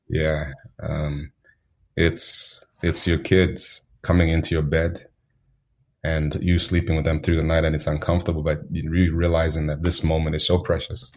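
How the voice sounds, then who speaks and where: A man from Zambia, a guest telling stories in a relaxed interview, unhurried and anecdotal, chuckling now and then. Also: very deep voice. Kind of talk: reflective storytelling in an interview.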